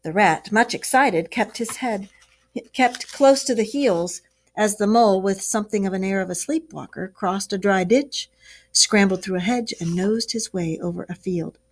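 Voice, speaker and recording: A woman teacher with a mid-range voice reads a story aloud to children at normal speed. She explains it expressively and asks the class questions as part of the read-aloud lesson.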